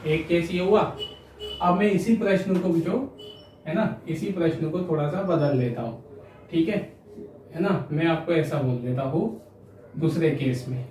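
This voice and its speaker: Male physics lecturer, slightly high voice, patient question-and-answer explaining, recorded off-mic in a very reverberant room with faint hiss. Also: a little mellow. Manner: explanatory, asks and answers his own questions, frequent "है ना" tags. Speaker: physics teacher. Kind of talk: classroom lecture. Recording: echoey room, voice a bit distant, faint hiss.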